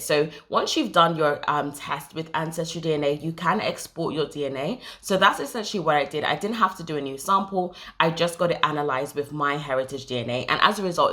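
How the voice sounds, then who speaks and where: A woman's voice: deep voice, fairly bright tone. A young woman from Jamaica talking casually to camera as a vlogger, explaining step by step and reading from notes.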